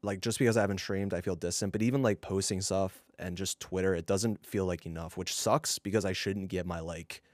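A man with a lowish voice chats on a casual podcast, rambling along with plenty of fillers. His voice is close-miked and dry, with no room sound. The delivery is loose and unhurried. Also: no room sound. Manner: laid-back, rambling, lots of fillers. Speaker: podcast co-host.

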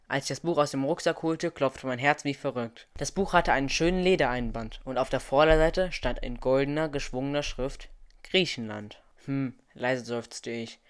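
A man reads a story chapter aloud in a lively way. He gives the characters more voice when they shout. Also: mid-range voice. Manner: lively reading, raises voice for characters. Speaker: audiobook narrator.

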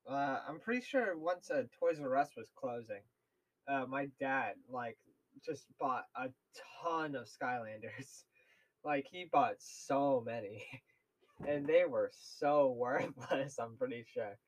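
A man's voice: medium pitch, expressive, takes it slowly, rough recording. A young man co-hosting a casual podcast chat, rambling with lots of fillers and laughs. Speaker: podcast co-host.

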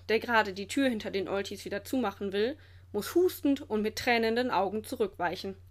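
A woman reading a children's storybook aloud in a lively, clear storytelling manner. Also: a little high. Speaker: storybook reader.

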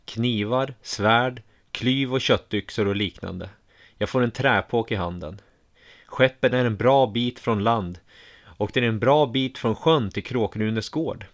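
A man narrating a first-person audiobook story in a calm, measured way. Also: mid-range voice.

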